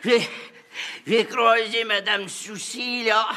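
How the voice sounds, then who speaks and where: Shrill, theatrical Quebec mother. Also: steady tone, sharp tone, heavily acted. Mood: dazed, dramatic. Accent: Quebec French. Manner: exaggerated, drawn-out exclamations and sarcastic teasing. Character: excitable, theatrical working-class mother, a sharp-tongued older woman. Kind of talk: broad sitcom comedy acting.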